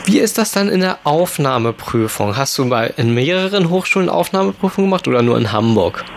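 A man hosts a weekend radio magazine and chats with a guest on the phone. He asks relaxed, friendly questions with a few fillers. Faint noise sits behind his voice. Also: fairly high pitch, a little fast. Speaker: radio interviewer. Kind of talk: radio interview.

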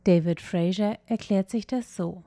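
A woman narrating a scripted radio culture feature in a clear, measured way. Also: mid-range voice, mellow, no room sound, studio quality. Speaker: culture reporter.

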